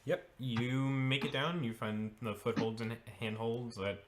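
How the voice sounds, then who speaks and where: A man narrating as game master of a tabletop game, relaxed and checking rolls and rules as he goes. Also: mid-range voice, measured pace, background noise.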